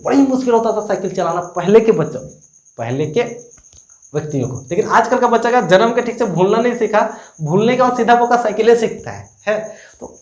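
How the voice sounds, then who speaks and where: A man from Jharkhand teaching a math lesson in casual Hindi, asking and answering his own questions with a teasing manner. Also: high voice. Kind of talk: casual classroom tutorial. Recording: echoey room.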